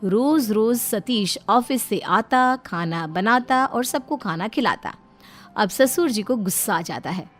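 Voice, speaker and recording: A woman narrates a family drama story in a steady, even storytelling voice. Her natural voice sits fairly high. Faint music plays underneath. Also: takes it slowly.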